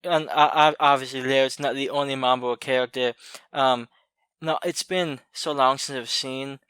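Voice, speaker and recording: A man in a relaxed podcast chat about films, weighing his views with frequent "um" pauses and soft laughs. His voice is smooth and clear at a middle pitch. The recording is dry and close. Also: dry recording. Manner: thoughtful, many "um" pauses, light laughter. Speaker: podcast co-host. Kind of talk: casual movie chat.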